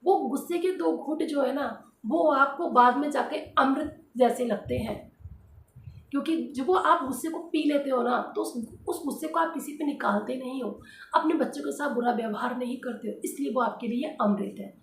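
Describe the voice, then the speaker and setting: A woman's voice: high-pitched, normal speed, a little hiss or hum. Earnest housewife woman in a roomy echo. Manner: earnest, direct, repeats points with many fillers. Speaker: housewife vlogger giving advice. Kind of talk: casual advice talk to viewers.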